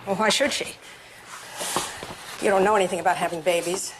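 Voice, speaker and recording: A woman's voice: on the low side, steady tone, fairly quick, background noise, natural voice. An actress playing a fussing, defensive middle-aged mother in a film drama.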